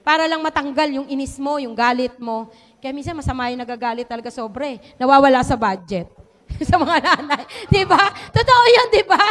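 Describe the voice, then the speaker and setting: A woman giving a lively church teaching talk, mixing in English and acting out quotes. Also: high-pitched, moderate pace. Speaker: church speaker. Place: church hall. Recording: long hall reverb.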